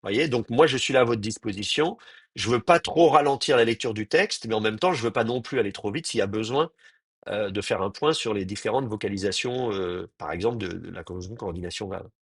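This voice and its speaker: A man lecturing to a small online class, pausing often and reworking his sentences as he thinks aloud. His voice sits low and sounds husky, recorded dry and close with no room around it. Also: dry recording. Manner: hesitant, thinking aloud with many pauses and restarts. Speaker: teacher.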